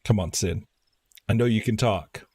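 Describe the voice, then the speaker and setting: A man with a mellow, fairly low voice gives casual live-stream commentary on a game. He mutters to himself and now and then reads dialogue aloud in a halting way.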